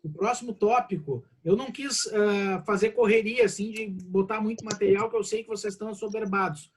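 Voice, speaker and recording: On a video call for an online class Q&A, a slightly congested Brazilian law professor reassures his students in a relaxed, warm way, constantly tagging "né?" onto his Brazilian Portuguese. His voice sits high and moves briskly, with a little hiss or hum on the audio.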